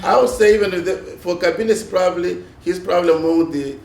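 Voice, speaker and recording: A man's voice: sits high, fast, creaky. Older man, hesitant panelist. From DR Congo. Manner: hesitant, many uh fillers, laughing asides. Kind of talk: panel discussion, telling anecdotes. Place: conference hall panel. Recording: roomy hall, distant mic, faint noise.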